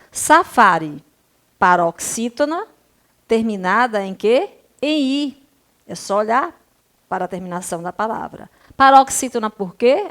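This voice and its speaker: A woman teacher with a Brazilian Portuguese accent giving a recorded grammar lesson to young pupils. She works through exercises step by step, checking in with rhetorical questions again and again. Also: a little high. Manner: patient, asks rhetorical check questions constantly. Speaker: primary school teacher.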